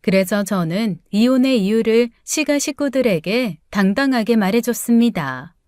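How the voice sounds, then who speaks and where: A woman narrates a first-person audiobook story with dramatic delivery. Her voice is somewhat high, and the sound is dry and close. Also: expressive, normal speed, a little mellow, no room sound.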